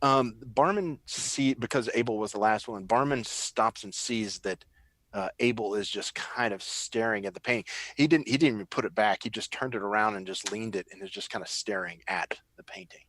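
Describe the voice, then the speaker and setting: A man's voice: on the low side, normal speed, a bit bright, no room sound. A man narrating as game master, describing scenes in a rambling way with frequent restarts.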